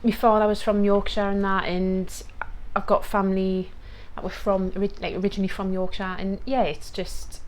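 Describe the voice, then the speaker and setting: A woman's voice: mid-range voice, level tone, moderate pace, a little hiss or hum. A woman stage actor speaking hesitantly in a casual interview.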